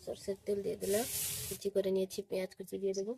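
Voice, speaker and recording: A woman with a voice hoarse from a cold, calmly narrating each cooking step in her home kitchen and repeating each one. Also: medium pitch, racing, noisy background. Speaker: cooking channel host. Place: home kitchen with stove sizzling.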